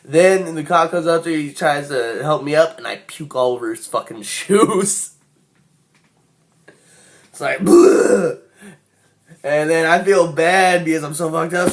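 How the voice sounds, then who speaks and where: A man's voice: on the high side, a little hiss or hum. Young man laughing through a crude story. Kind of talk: casual personal anecdote.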